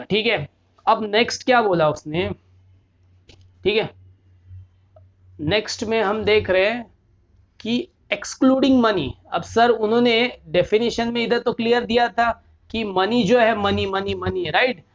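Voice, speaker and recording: Male commerce lecturer, rhetorical questions, repeats key terms, muffled lo-fi audio. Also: high voice. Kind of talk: classroom lecture. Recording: dull lo-fi recording.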